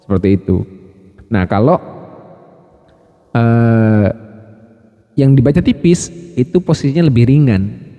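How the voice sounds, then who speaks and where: Man, patient teacher, mellow tone, long reverb. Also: medium pitch. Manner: slow, patient, demonstrates words by slow chanting. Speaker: Quran recitation teacher. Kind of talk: explanatory lesson.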